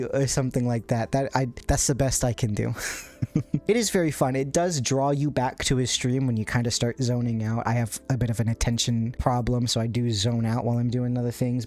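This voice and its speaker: A man's voice: mid-range voice, steady tone, brisk, a little mellow. A man narrating a video essay about a streamer in a chatty, playful way, with self-aware asides. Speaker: content creator. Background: faint background music.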